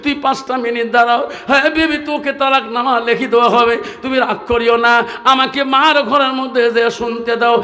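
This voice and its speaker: A man's voice: very high voice, little pitch movement, fairly quick, sharp tone. A preacher with an Assam Bengali accent acting out a young married man who pleads emotionally with his wife and mother. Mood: pleading. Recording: echoey hall with long reverb.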